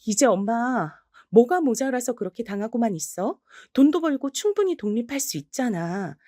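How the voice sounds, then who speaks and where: A woman's voice: animated, moderate pace, dry recording, studio quality. A woman playing a fiery young daughter. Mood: defiant. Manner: sharp, defiant and high-pitched. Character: bold young daughter standing up for her mother.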